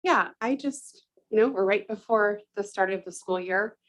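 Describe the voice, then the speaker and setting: A woman's voice: mid-range voice, moderate pace, rough recording. A woman board director giving a heartfelt, earnest address to teachers and staff at a public meeting.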